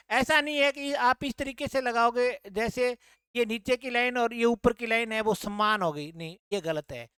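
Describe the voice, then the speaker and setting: A man's voice: very high-pitched, a bit bright, clean tone, no echo. A man teaching a grammar class, explaining patiently and repeating key points as he points to the board.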